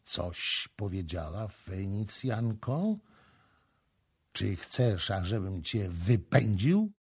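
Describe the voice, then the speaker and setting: A man voicing a stern young prince who speaks in a slow, measured, menacing way. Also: fairly low pitch, vocal fry, a little mellow, breathy edge, heavily acted. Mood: cold. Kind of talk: audiobook character voicing.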